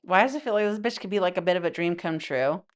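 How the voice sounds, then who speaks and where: A woman's voice: lowish voice, fast talker. A woman giving a casual tarot reading in a chatty, rambling way, full of asides. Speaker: tarot reader.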